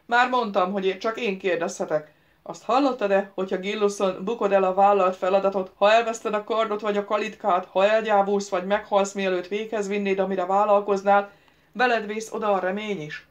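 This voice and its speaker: A woman voicing an unseen, imperious male voice that questions and mocks a prince in a loud, commanding way. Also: mid-range voice, steady tone, highs cut off, lightly acted.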